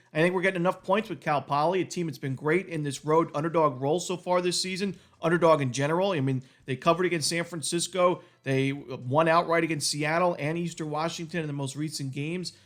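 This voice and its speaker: Fighting a cold that's wearing down his voice, a man races through his sports betting picks alone, loading them with statistics. His voice is fairly high and a bit bright.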